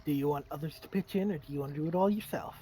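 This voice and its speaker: A man's voice: a little high, rapid-fire, dark tone, slight background noise. A man playing in a tabletop game, chatty and helpful to the group. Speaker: player. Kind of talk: casual tabletop play.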